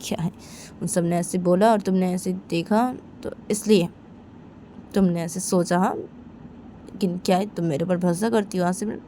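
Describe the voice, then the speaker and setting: A woman's voice: on the low side, fairly even intonation, normal speed, pauses often, mellow, slight background noise, close to an everyday voice. A woman voicing a young woman who speaks in repetitive, coaxing phrases. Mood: soothing. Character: young woman Sunaina, hurt then reassuring.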